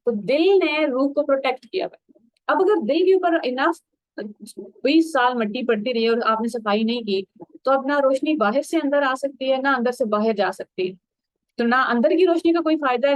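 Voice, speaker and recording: Earnest higher-voiced woman teaching. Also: no echo, dull audio. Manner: earnest explanatory talk, slips English words into speech. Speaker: Quran teacher. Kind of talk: Quran commentary lesson.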